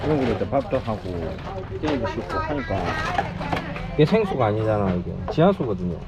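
In a bustling rural family household in Cambodia, a middle-aged man from South Korea rambles through casual vlog chat and narration, frequently muttering to himself. His mid-range voice is very animated and fairly quick, and the audio is muffled amid surrounding crowd chatter.

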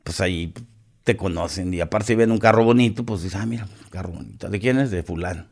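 A man's voice: sits low, fast, darkish tone. A middle-aged man from Mexico with a Mexican accent, a podcast guest telling a story in casual, profane slang and acting out the other voices.

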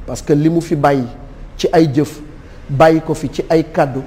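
A middle-aged man, a guest on a TV talk show, speaking in a measured, solemn way and mixing French with Wolof. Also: on the high side, fairly even intonation, a little mellow, long reverb tail. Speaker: studio guest. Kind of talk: formal tribute speech. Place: TV studio set.

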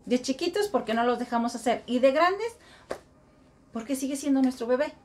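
Middle aged woman, slightly high voice, earnest spiritual talk, keeps repeating mantras. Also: slight background noise. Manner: repetitive, earnest, acts out inner voices. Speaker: spiritual self-help speaker.

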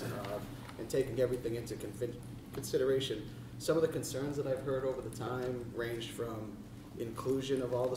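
Man, board member, even and methodical; distant roomy recording, steady hiss. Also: mid-range voice. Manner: measured, lays out points in turn. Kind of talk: meeting discussion. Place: meeting room. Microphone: far room mic. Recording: echoey, distant, hissy.

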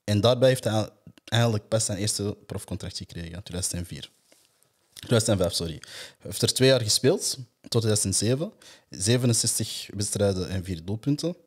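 Low husky man reading stats. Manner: steady, matter-of-fact reading of facts and numbers. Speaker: podcast host reading player profiles. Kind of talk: casual football podcast.

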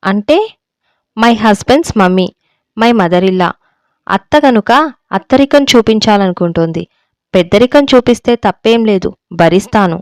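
A woman's voice: mid-range voice, measured pace, pauses often, a little mellow, dry recording, close to an everyday voice. A woman voicing a fed-up, defiant young daughter-in-law who speaks heatedly in a storybook reading.

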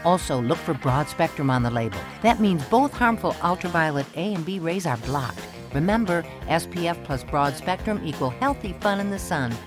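A woman with a notably low voice reads a public health message in a calm, even manner. Clear music plays underneath her read. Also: normal speed, hardly any pauses. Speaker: public service announcer. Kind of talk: scripted public service ad.

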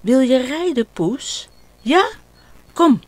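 An older woman voicing a small, eager, playful boy with high childlike calls, reading a children's story aloud. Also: very animated, takes it slowly, dry recording, full character voice.

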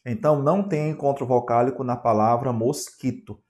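A man's voice: medium pitch, moderate pace, a little mellow. A man with a Brazilian Portuguese accent giving an exam-prep grammar lesson, asking questions aloud and answering them himself. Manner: asks questions in a student's voice and answers them himself, with frequent tag questions. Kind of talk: classroom grammar lecture.

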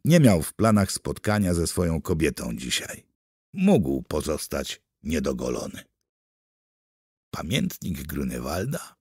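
Expressive male audiobook narrator. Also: on the low side, dry recording, clean studio sound. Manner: expressive, animated storytelling. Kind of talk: scripted narration.

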